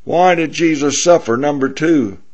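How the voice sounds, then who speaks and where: A man teaching a Bible lesson in question-and-answer form, speaking deliberately and rising in emphasis when he reads scripture. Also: fairly high pitch, darkish tone. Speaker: preacher.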